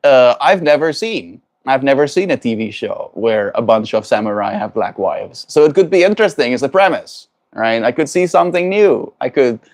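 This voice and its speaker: A South African man with a mid-range, darkish voice talks reflectively with viewers on his livestream. It's casual chat where he answers them and keeps adding tag questions to his statements.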